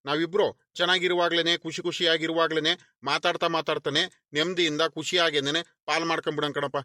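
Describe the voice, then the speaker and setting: A man's voice: a little high, bright, forceful tone, no room sound, clean studio sound. A man voicing a resentful middle-aged village man who grumbles, repeats himself and demands his share. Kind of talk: animated cartoon voice acting.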